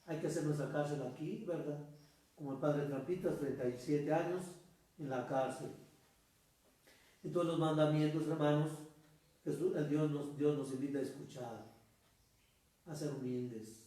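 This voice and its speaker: A priest, a man, delivers a storytelling sermon and speaks to his congregation as brothers. His voice sits a little high yet sounds dark and mellow. It is picked up from far off, with strong church echo all around. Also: normal speed, long pauses. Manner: storytelling, addresses listeners as brothers.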